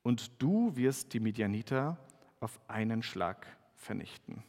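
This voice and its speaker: A man reading the part of a solemn divine messenger, speaking slowly, low and quiet. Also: lively intonation, big-room sound. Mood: reassuring. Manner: slow, low and quiet, reassuring.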